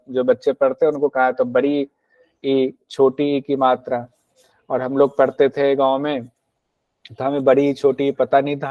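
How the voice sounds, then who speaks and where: Male teacher, patient and repeating, mellow tone, dry dull recording. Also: medium pitch, no room sound. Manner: patient, repeats lists slowly for memorising. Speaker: yoga teacher explaining scripture. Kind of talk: spoken lesson on Upanishad text.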